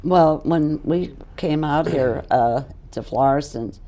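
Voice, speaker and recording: Hoarse, gravelly woman in her nineties. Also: low-pitched, dark tone. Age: 90s. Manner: halting, repeats words while recalling. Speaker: interview guest. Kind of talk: casual reminiscing interview.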